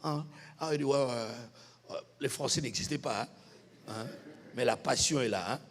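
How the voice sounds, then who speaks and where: A man preaching a sermon in a church hall, animated, with bursts of shouting and laughter. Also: mid-range voice, moderate pace. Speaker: pastor.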